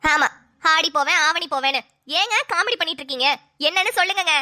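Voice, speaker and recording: A woman voicing a sharp-tongued young wife in a cartoon, grumbling and sarcastic. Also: very high-pitched, fast, heavily acted. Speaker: cartoon voice actor. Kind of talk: cartoon voice acting.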